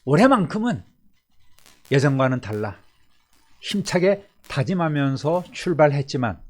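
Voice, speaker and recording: Male pastor preaching, a bit high-pitched, lifts lines with emphasis, then trails off soft and low. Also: very animated, measured pace. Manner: swings between emphatic rises and soft, low endings. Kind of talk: Sunday sermon. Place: church service.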